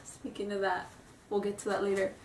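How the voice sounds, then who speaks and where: Her voice mid-range and darkish, her delivery completely flat and a little fast, a young woman with a cold sounds stuffy as she rambles through a casual vlog in her room. She's nervous, apologetic and giggly. The home camera audio is distant and roomy, carrying a little hiss or hum.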